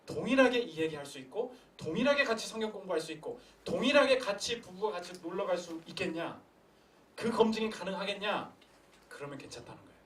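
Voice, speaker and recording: A young man preaches a sermon in a high voice, posing rhetorical questions and acting out quotes. He is recorded from a distance, in an echoey church with faint room sound behind him. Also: a little hiss or hum. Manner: animated storytelling with acted quotes and rhetorical questions. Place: church sanctuary.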